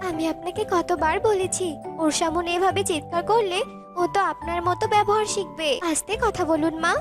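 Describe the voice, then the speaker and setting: Cartoon young wife, patient and pleading, very high voice, from a woman, music behind. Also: steady tone, moderate pace. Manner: pleading, reproachful. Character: young, tired, patient daughter-in-law and mother. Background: background music.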